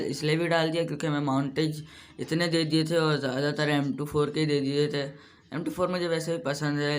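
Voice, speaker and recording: Young male gaming YouTuber, rambling and self-mocking, a bit high-pitched. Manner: chatty, rambling, self-deprecating. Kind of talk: casual gameplay commentary.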